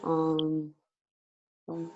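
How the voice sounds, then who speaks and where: A woman's voice: low-pitched, monotone, very slow, dark tone, highs cut off. A young woman from Venezuela, a university student, introducing herself hesitantly on a video call. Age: young adult. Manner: hesitant, giggly, searching for words. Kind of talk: casual self-introduction.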